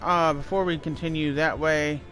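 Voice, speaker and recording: A man's voice: on the high side, fairly even intonation, normal speed, a bit bright, soft background music. A man giving casual, off-the-cuff commentary while streaming a video game. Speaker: gameplay streamer. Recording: noisy, game sound behind.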